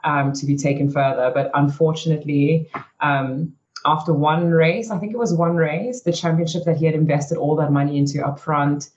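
Chatty and frank, this young woman from South Africa talks about her life as a racing driver in an interview, peppering her speech with "you know" and "like." She speaks at a normal speed in a low, darkish voice with fairly even intonation, and the recording sounds muffled.

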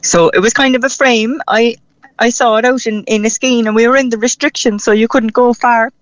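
A woman's voice: fairly high pitch, steady tone, brisk, dry recording. A woman with a Cork accent, chatting in an upbeat, colloquial way as a musician interviewed on a radio phone-in. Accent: Cork Irish. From Cork, Ireland. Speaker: musician, street performer being interviewed. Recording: dull, band-limited phone call.

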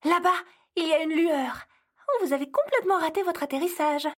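A woman's voice: extremely high pitch, animated, a little fast, voice pushed up. A woman voicing an anxious, cautious female Christmas elf who worries constantly. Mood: worried. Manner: worried, fretful.

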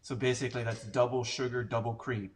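A man's voice: mid-range voice, fairly even intonation, a little fast, slight background noise. Rambling man in his forties from Canada. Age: 40s. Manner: rambling, filler-heavy storytelling. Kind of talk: casual chat.

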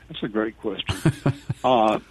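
A man, a veterinarian on a radio call-in show, with a gravelly, husky voice and a hesitant, casual way of asking things. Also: fairly low pitch, takes it slowly. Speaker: veterinarian panelist on a radio phone-in.

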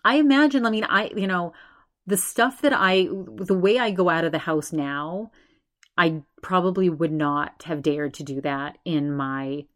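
Speaking to her subscribers, a forty-something woman hosts her own podcast in an unhurried voice on the low side. Her style is rambling, lively, and conversational.

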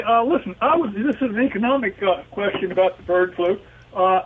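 A man calling in to a radio show on a speakerphone, asking a question in a halting way with many fillers. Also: high-pitched. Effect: phone speaker sound over a phone line. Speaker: radio call-in caller. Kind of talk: casual call-in question. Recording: tinny speakerphone line.

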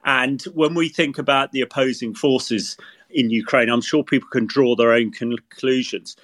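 A middle-aged British former tank commander, a guest military expert, shares recollections in a podcast interview from a snowy garage roof in freezing weather. His mid-range voice is steady, slightly bright, and moderately paced, with no echo.

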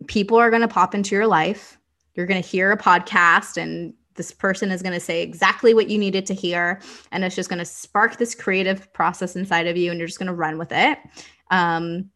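A woman's voice: lowish voice, sharp tone. A young woman business coach giving an enthusiastic, repetitive motivational talk, full of "like" and "okay". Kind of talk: motivational teaching monologue.

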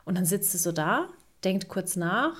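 A woman's voice: mid-range voice, sing-song, moderate pace, husky. A woman in her thirties co-hosting a casual podcast, telling stories in a chatty way and laughing often. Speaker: podcast co-host.

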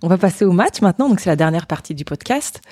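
Mellow-voiced woman podcast host. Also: on the low side, sing-song, fast talker, no room sound. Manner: friendly, hesitant fillers, light laughs. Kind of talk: interview questions.

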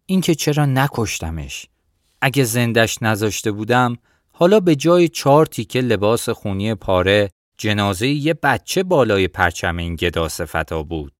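Male reader as a cold cruel landlord, deep voice, threatening, audiobook. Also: sing-song, dry recording, clean studio sound. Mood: menacing.

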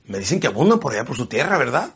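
A man giving an animated motivational seminar talk, slipping into quick character voices. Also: medium pitch, creaky, husky, dull audio. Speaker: motivational speaker.

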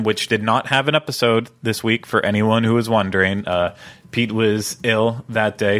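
Male podcast host, lower voice, loose chatty delivery with fillers. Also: fairly bright tone. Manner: rambling, chatty, many fillers. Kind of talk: casual podcast chat.

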